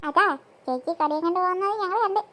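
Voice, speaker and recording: High squeaky cartoon voice, a woman doing every part, flipping between characters, slight background hiss. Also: fast. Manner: switches voices between sisters, mother and friend. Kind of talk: cartoon voice acting.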